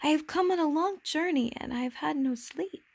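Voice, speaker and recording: A woman voicing a timid, earnest and curious little boy prince, speaking softly, hesitantly and politely. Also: high voice, normal speed, creaky, pitched above the performer's own voice. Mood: embarrassed, abashed.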